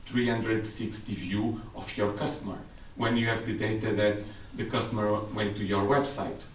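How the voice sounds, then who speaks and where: At a seminar conference presentation, a thirties-aged man speaking with a Portuguese accent walks a big audience through technical content in an explanatory way, his wording a little non-native. The pitch is fairly low, and the distant recording in an echoing room carries slight background noise.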